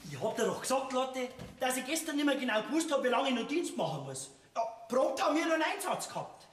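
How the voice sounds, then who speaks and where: An actor playing an unbothered, mocking rescue worker. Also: male voice, extremely high pitch, sing-song, a bit bright, a little hiss or hum, full character voice. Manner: unbothered, mocking, slow drawl. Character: laid-back Bavarian rescue man. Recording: echoey stage sound.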